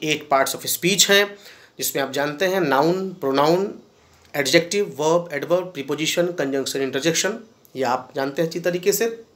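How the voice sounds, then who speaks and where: A middle-aged man, teaching an exam-prep grammar lesson. He lists terms steadily and slows down to say English example sentences. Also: a little high.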